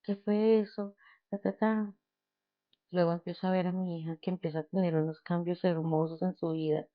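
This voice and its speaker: A middle-aged woman hosts a podcast. She tells her faith testimony and retells Bible stories in a lively way, acting out the quoted voices. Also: fairly low pitch, brisk, no room sound, lo-fi sound. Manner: lively storyteller who acts out the quoted voices. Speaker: podcast host.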